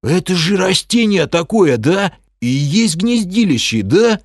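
A man voicing a greedy, excitable male hamster trader who shouts in street slang, in an audiobook. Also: high-pitched, unhurried, no room sound, studio quality, pitched above the performer's own voice, full character voice. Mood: greedy excited. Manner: indignant, shouting, money-obsessed slang. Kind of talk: audiobook character voice.

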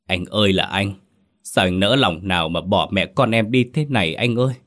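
A grieving young widow laments her husband in a lifted, pleading voice, as a man puts her on. Underneath, the storyteller's deep voice still shows. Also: normal speed, fairly bright tone, lightly acted. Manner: lamenting, pitched up.

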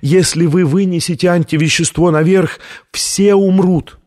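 A desperate young woman scientist in an audiobook, shouting her pleas in a raised, strained voice, as a male narrator puts her on. Her lines come higher than the reader's own tone, urgent and insistent. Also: steady tone, a little slow.

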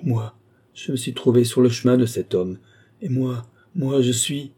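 A man's voice: mid-range voice, unhurried, warm tone, breathy edge. A man reading the part of a frightened young Roman noblewoman in an audiobook, in a pleading voice. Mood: anguished. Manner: pleading, fearful.

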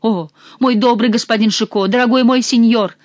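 A woman's voice: on the high side, sing-song, brisk, no echo. A fat, cowardly male monk pleads and wails in a raised, strained voice, as a woman reading a storybook puts him on. The recording is dry and close. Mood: wailing. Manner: wailing, pleading.

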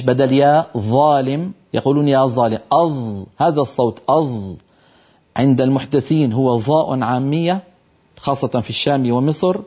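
Older male teacher, warm and demonstrative. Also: medium pitch, highs cut off. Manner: explanatory, demonstrates letter sounds aloud. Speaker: Quran recitation teacher. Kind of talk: televised lesson.

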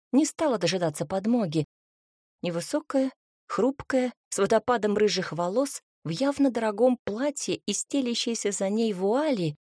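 Brief: woman reading fantasy aloud, expressive, breathy, mid pitch. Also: dry recording, clean studio sound. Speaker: audiobook narrator. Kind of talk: first-person fantasy audiobook narration.

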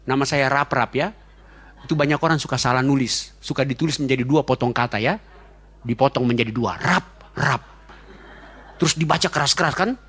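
A man preaching a sermon as pastor, fast-talking and joking, chatty with his congregation. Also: medium pitch, a bit bright, husky. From Indonesia.

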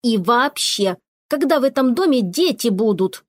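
A woman's voice: on the high side, lively intonation, moderate pace. A woman voicing a grumpy male house spirit who scolds and grumbles, in a storybook reading. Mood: grumbling.

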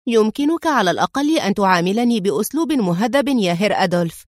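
A woman's voice: mid-range voice, animated, quick pace, a little mellow, no echo, studio quality, natural voice. A woman voicing a cunning, charming female spy who sounds sweet on the surface and sly underneath, in a storybook reading.

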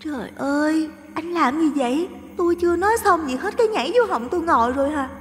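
A man voicing a gentle, playful young village girl in an audio ghost story, speaking softly and chattily. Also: extremely high pitch, fast, pitched above the performer's own voice. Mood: exasperated.

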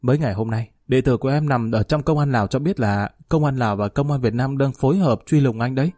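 A man's voice: mid-range voice, quick pace, mellow, no echo, clean studio sound, close to an everyday voice. A man voicing a fawning, nervous male gang underling who pleads and placates in a story reading. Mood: pleading.

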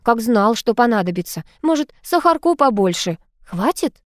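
Женщина озвучивает суетливого кота-фамильяра. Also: female voice, a little high, sing-song, moderate pace, dry recording, studio quality. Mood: wheedling. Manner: anxious, wheedling. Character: fussy fawning male cat familiar.

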